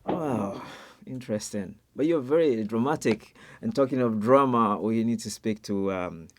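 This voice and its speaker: A man hosting an online panel interview, enthusiastic, with quick interjections. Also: fairly low pitch, background noise. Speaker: host. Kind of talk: interview chat.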